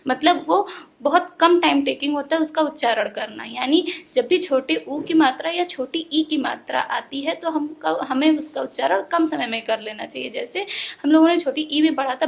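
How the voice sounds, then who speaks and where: A woman teacher giving an online phonics lesson, sounding out syllables slowly and explaining patiently to parents and children. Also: high-pitched, vocal fry. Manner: slow drawn-out syllable sounding.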